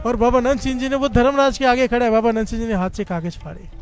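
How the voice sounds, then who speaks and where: High-voiced preacher, fervent. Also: male voice, fairly even intonation, quick pace, faint music behind. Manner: fervent storytelling, often leading the congregation in "dhan guru nanak". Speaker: Sikh preacher giving katha. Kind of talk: devotional sermon with call-and-response.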